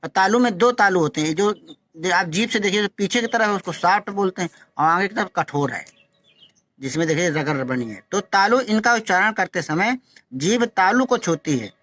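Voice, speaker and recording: A male teacher giving a phonetics lesson, who slowly demonstrates each sound, repeats syllables and urges his students to practise. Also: high-pitched, animated, fairly bright tone.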